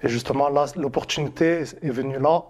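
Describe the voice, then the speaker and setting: Un homme d'une vingtaine d'années qui parle simplement en interview, entre nombreuses pauses et hésitations. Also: male voice, medium pitch. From Philippines. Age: 20s. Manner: relaxed, many hesitations. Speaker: amateur boxer.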